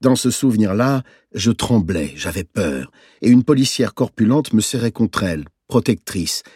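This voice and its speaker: A man narrating a novel in the first person, in a measured, reflective storytelling manner. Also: lowish voice, animated, a little mellow, husky, no room sound, studio quality. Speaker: audiobook narrator.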